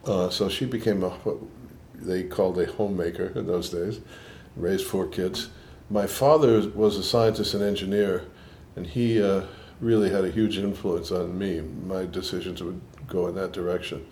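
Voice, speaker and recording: Thoughtful and prone to restarting, an older Boston scientist with a blended Boston and New York accent reflects on his life in an interview. His voice sits low and is a little mellow, with fairly even intonation, normal speed and hardly any pauses, plus a little hiss or hum.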